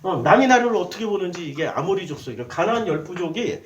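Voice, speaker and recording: A man preaching a sermon as pastor, animated and conversational, quizzing his congregation in a church. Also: high-pitched, quick pace, highs cut off, a little hiss or hum.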